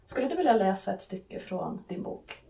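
A woman hosts a podcast, introducing her guests and posing questions in a measured, earnest tone. Her voice is warm and mellow at a mid pitch. She sits a little back from the microphone. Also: sing-song, creaky, far from the mic. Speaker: podcast host.

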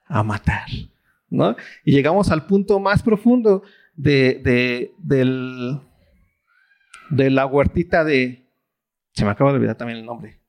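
A man's voice: medium pitch, measured pace, a little mellow. A man with a Mexican accent leading a Bible study, asking questions and letting listeners fill in the answers. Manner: asks questions and lets the audience fill in. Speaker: pastor teaching a Bible study. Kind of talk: sermon.

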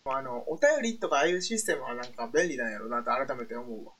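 A man's voice: mid-range voice, big pitch swings, fast, a bit bright. A young man with a Kansai accent co-hosting a casual late-night radio chat, laughing often and trailing off into fillers. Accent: Kansai Japanese. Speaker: radio show co-host.

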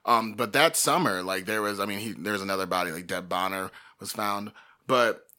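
A man's voice: on the low side, brisk, bright, forceful tone. A man co-hosting a casual true-crime chat, rambling with lots of fillers. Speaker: podcast co-host.

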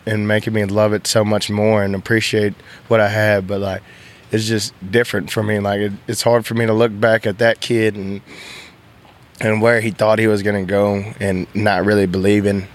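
A young man from Texas, a bull rider, talking candidly and emotionally in halting, soft-spoken sentences. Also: lowish voice. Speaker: professional bull rider, guest. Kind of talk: candid interview chat.

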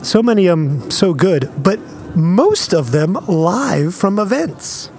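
A man co-hosting a casual, comedic podcast, playful and quick to laugh. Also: high voice, sing-song, a little mellow, a little hiss or hum. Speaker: podcast co-host.

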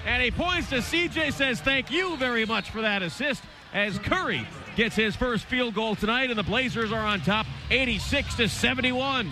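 A man calling live basketball play-by-play in fast, excitable sports commentary. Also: extremely high pitch. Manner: excited calls on made baskets.

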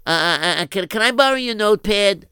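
A man's voice: sits high, animated, brisk, sharp tone, clear, resonant tone, no echo, studio quality, pitched above the performer's own voice. A man voicing a friendly, scatterbrained schoolboy who stammers and chirps. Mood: flustered friendly. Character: scatterbrained boy classmate, friendly and flustered.

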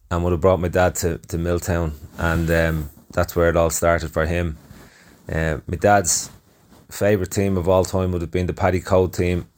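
A football manager speaks unscripted about his father. His voice is deep and quite monotone. He stumbles and restarts often as he goes. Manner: hesitant, many ums and restarts. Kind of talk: unscripted spoken tribute.

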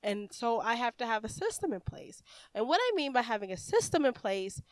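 A woman's voice: on the high side, sing-song, fairly quick, dry recording. A woman hosting a casual podcast, giving practical advice in an emphatic way, repeating her points and often checking in with "right?". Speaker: podcast host. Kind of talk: casual instructional podcast talk.

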